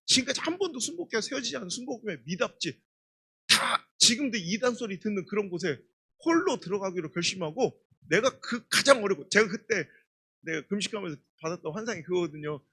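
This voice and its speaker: A middle-aged man preaching a revival sermon, telling stories in an emphatic, animated way. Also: high voice, quick pace, slightly rough. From Chungcheong, Korea. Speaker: guest pastor.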